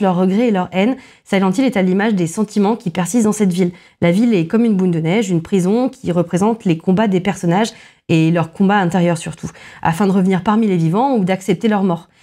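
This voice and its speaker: Woman, mellow warm tone, casual film analysis, many fillers. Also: mid-range voice. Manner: many filler pauses, restarts, self-deprecating asides. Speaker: film podcast co-host.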